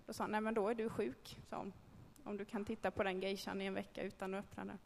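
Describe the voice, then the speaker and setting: Woman sharing a personal testimony to a group, conversational and halting, gravelly tone, recorded in a reverberant hall. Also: mid-range voice, flat delivery, slight background noise. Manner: candid, conversational storytelling with hesitations. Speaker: speaker telling a personal faith story.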